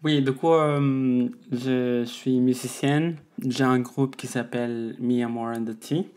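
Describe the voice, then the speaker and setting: Slow, flat-voiced woman. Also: rumbling low. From Mexico. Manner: halting, searching for words. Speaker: guest, musician. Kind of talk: interview answers.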